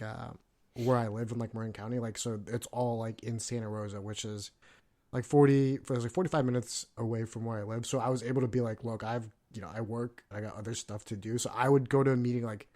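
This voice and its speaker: A man's voice: medium pitch, steady tone, brisk, mellow. A man in his thirties from California, a Navy veteran telling his story as a podcast guest in a loose, profane way, with lots of fillers. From California, USA. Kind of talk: casual podcast interview.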